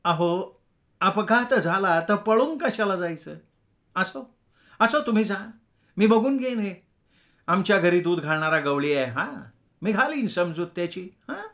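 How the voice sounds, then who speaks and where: A man voicing a polite middle-aged householder who soothes and smooths things over. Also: sits high, expressive, measured pace, a bit bright, voice pushed up, full character voice. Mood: placating. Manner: soothing, courteous.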